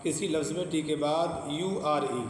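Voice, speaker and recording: A man's voice: on the high side, measured pace. A man with a Pakistani Urdu accent teaching an English pronunciation lesson, speaking patiently, repeating words and asking questions. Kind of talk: classroom lesson explaining pronunciation rules. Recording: echoey room with long reverb, faint ambient noise.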